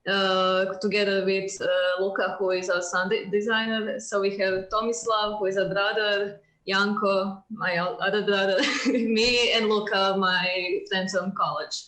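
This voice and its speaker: A woman in her twenties from Croatia, a visual designer, talking calmly in a casual interview. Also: medium pitch, measured pace, hardly any pauses, echoey room. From Zagreb, Croatia.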